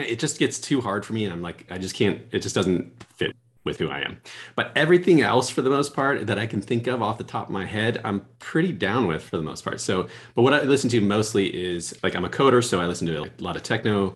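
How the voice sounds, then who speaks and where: A man chatting casually as a podcast guest, relaxed and rambling. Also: on the low side. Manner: relaxed, rambling, self-deprecating. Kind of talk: casual interview chat.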